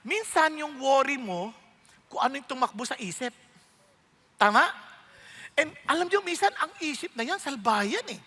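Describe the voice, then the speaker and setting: A man's voice: extremely high pitch, moderate pace, pauses often, in a large hall. A male pastor preaching a sermon, telling stories with acted voices and asking his listeners questions. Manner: lively storytelling, acts out voices, asks the audience questions.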